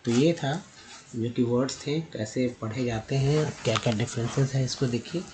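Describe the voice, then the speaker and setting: A man whose first language is Hindi, teaching English pronunciation slowly word by word, repeating each word and spelling out its sounds. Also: mid-range voice, background noise. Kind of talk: slow word-by-word pronunciation lesson.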